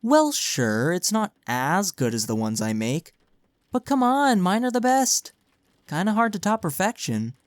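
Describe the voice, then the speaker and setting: In an intimate audio roleplay recorded very dry with no echo, a young adult man plays a caring college best friend talking as if to one listener. He speaks casually and earnestly with a playful, teasing streak, in a playful, chatty mood. His voice is high-pitched and very animated, at a measured pace.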